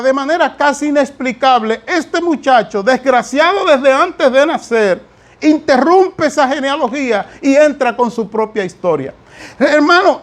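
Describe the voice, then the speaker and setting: Emphatic high-voiced male pastor preaching. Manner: emphatic, repetitive preaching with asides to the congregation. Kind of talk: sermon.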